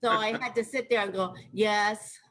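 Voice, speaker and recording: A young Ohio woman does chatty stand-up at an online open mic at normal speed, her mid-range, fairly bright voice keeping a fairly even intonation. Fillers and frequent laughs run through her stories, captured over a video call with faint background noise.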